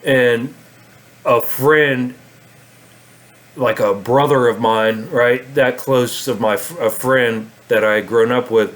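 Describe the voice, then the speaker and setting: A man recounts events in a casual vlog monologue. His voice sits at an ordinary middle pitch. He rambles, looping back with fillers and restarts. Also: fairly even intonation, takes it slowly, a bit bright. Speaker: vlogger.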